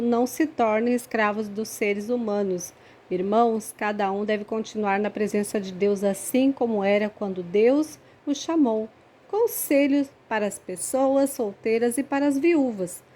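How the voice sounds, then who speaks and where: A woman with a Brazilian accent reads scripture aloud for young listeners. Her voice sits a little high. She phrases each sentence in a measured, clear way, as a reader would. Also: warm tone. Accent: Brazilian Portuguese. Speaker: Bible reader for children. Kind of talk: read-aloud scripture reading.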